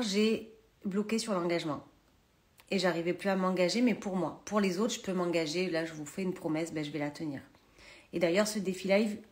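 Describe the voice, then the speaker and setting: A woman chatting live to her viewers from a phone in a holiday cottage, talking freely with many hesitations. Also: on the low side. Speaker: live streamer and massage trainer. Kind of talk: casual social media live chat.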